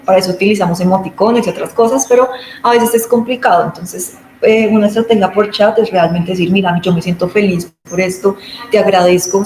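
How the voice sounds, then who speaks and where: A woman with a middle-pitched, slightly mellow voice lectures informally on patient communication, explaining patiently and acting out small everyday scenes. Her room adds a noticeable echo with a faint hum of ambience.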